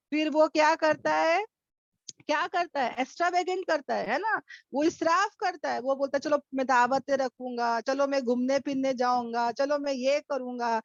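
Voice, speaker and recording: High-voiced woman teaching a class over a call. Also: no room sound. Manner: addresses listeners as sisters with many rhetorical questions; mixes English phrases into her talk. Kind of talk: lecture with storytelling. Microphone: online video call. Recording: dull dry lo-fi call audio.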